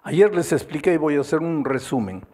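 A middle-aged man preaching from the pulpit in a somewhat raised pitch. His delivery is emphatic and rhythmic, built on repeated short phrases. He moves between hushed, low passages and soaring, urgent exclamations. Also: expressive, brisk. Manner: emphatic, repetitive preaching cadence swinging from low to high. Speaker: pastor. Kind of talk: evangelistic sermon.

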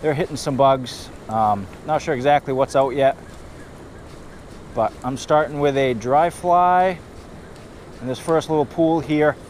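Man, New England accent, slightly high voice, chatty fishing play-by-play, outdoors by a river, faint water noise. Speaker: fishing vlogger. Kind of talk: casual outdoor narration to camera. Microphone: head-mounted action camera.

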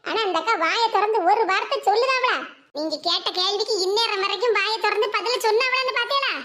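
A nosy, hot-tempered village neighbour, played by a woman in a Tirunelveli Tamil cartoon. She scolds and confronts in a shrill, sharp voice. Her high pitch never lets up. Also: fast talker. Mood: angry.

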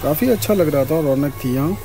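A man's voice: a little high, expressive, a little fast, music in the background. Young man vlogging in a crowded shrine. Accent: Farrukhabad Hindi. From India. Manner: chatty, points things out to viewers. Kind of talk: casual walking tour vlog. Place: crowded decorated shrine courtyard at night. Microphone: handheld phone camera.

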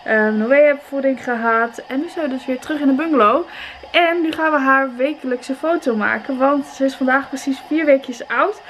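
Een jonge vrouw met een Nederlands accent die ontspannen en babbelend vlogt, met veel aarzelingen. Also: female voice, high-pitched, moderate pace, a little hiss or hum. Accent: Dutch. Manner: relaxed, chatty, many filler sounds. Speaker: vlogger, new mother. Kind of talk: casual vlog chat.

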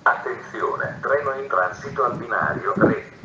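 A man giving a formal train station announcement in segmented, automated-sounding phrases over platform loudspeakers. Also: medium pitch, expressive, measured pace, lo-fi sound. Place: outdoor railway platform, heard over loudspeakers. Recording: echoey station loudspeaker from far off, noisy. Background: clear station ambient noise.

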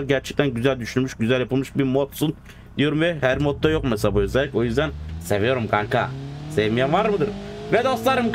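A fairly high-voiced young man narrates his car game in loose, chatty commentary. He jumps from excited shouts to low, muttered asides. Clear background noise and game car sounds run under his voice. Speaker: gaming YouTuber. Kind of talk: casual gameplay commentary.

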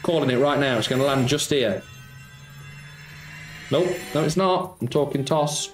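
Live-streaming from his home streaming room, a middle-aged slots streamer from Nottingham, England, chats casually, reading out viewer messages and greeting people with cheeky banter. He has a mid-range voice and an unhurried pace. The indoor room is echoey, with faint background music.

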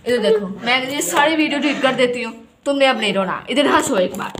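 Playful high-voiced woman vlogger. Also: expressive, a little fast, crowd noise. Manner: playful, teasing. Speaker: vlogger playing a game with her child. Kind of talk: casual family vlog commentary.

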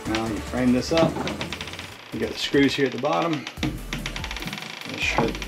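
Loud music sits behind this middle-aged man's medium-pitched voice, which is a little slow and shows vocal fry. Host of a homesteading channel, he explains step by step in a relaxed, practical manner while filming himself outdoors beside a chicken coop, camera held at arm's length.

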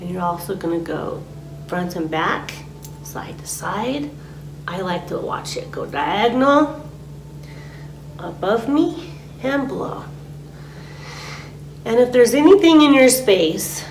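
Slow, soft-spoken woman guiding meditation. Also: medium pitch. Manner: slow and soft, often dropping to a whisper. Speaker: meditation teacher. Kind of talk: guided meditation. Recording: roomy recording with a steady hum.

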